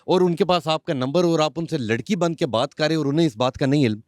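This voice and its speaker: A man's voice: on the high side, darkish tone, dry recording, studio quality. A man hosting an interview, introducing his guest and prompting him with leading questions in an upbeat way. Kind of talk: street-style interview.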